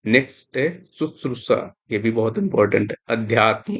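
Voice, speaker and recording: A man's voice: lowish voice, moderate pace, husky. A man teaching exam spelling, going through words one by one and repeating that each one is important. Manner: repetitive, emphatic, stresses importance. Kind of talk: explaining spelling on screen.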